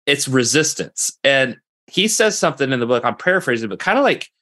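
A man in his own voice hosting a casual interview. He thinks out loud with energy, often rephrasing mid-sentence with "like" and "you know." His pitch sits right in the middle for a man. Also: sing-song, brisk. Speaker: podcast host.

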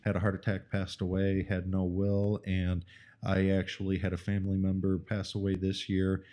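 Really deep mellow guy, kinda flat, lots of uhs. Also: normal speed. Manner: hesitant, many "uh" and "um". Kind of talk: casual podcast conversation.

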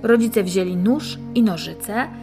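A woman reading a fairy tale aloud and then reflecting on it in a calm, measured, gently instructive way. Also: medium pitch, music in the background. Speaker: storyteller and spiritual teacher.

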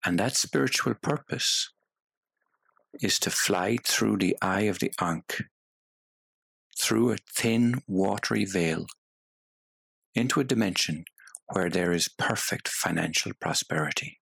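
A man guides a meditation in a very low, husky voice with plenty of gravel in it. He speaks softly and hypnotically and leaves long pauses between phrases. The sound is close and completely dry. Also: no room sound, rough recording.

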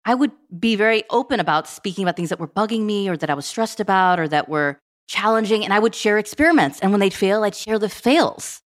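A woman, a program management director appearing as a guest on a podcast, tells a family story at a fast clip. Her pitch is medium, and her storytelling is animated and full of quoted dialogue.

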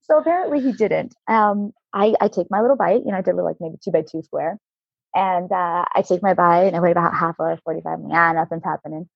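A woman telling a long personal story in a casual interview, animated, laughing often and acting out what people said. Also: lowish voice, fast talker, creaky, slightly rough, dry recording. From Alaska. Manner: animated, laughing, acts out quotes. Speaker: guest. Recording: dull, slightly lo-fi, dry sound.

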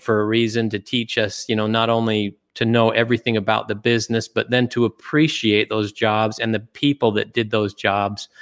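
In a fairly low, creaky voice with a fairly bright tone, a middle-aged Utah man talks as an interview guest. The conversation is casual, and he reflects as he speaks, pausing and frequently starting over.

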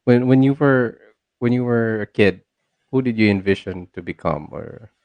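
A man's voice: mid-range voice, normal speed, creaky, narrow, tinny audio. A man hosting a podcast in a casual, informal, conversational way. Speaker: podcast host.

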